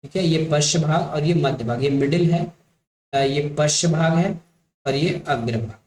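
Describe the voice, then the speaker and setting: A man's voice: on the high side, a little mellow, slight background noise. A man teaching grammar in an echoey room. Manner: explains slowly, repeats points and keeps checking with listeners. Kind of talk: exam-prep grammar lesson.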